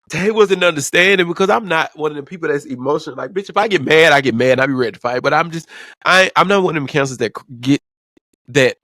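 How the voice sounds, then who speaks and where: A man's voice: on the high side, a bit bright, dry recording. A man speaking as a vlogger, telling a personal story with emotion, near tears at times. He talks frankly and with profanity, stumbling and repeating words as he goes.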